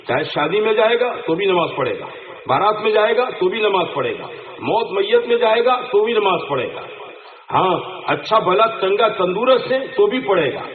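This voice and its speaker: A man with a high-pitched, very animated voice preaches an Islamic sermon to a gathering at a moderate pace, often posing rhetorical questions to the crowd. The audio sounds tinny and phone-like, in an echoey room.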